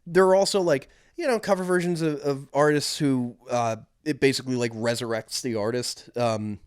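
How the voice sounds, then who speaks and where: A young man co-hosts a podcast, rambling through stories in casual chat and leaning heavily on fillers. His voice is medium-pitched, steady and resonant, moving at a normal speed. The recording is dry, clear and clean, with a studio sound.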